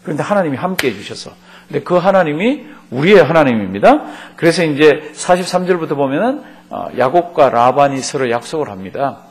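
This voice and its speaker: Guy pastor teaching bible class, kinda high voice, bounces all over, quizzes the room. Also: brisk. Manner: animated, acts out quotes and quizzes the class. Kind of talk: Bible study lecture. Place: church classroom.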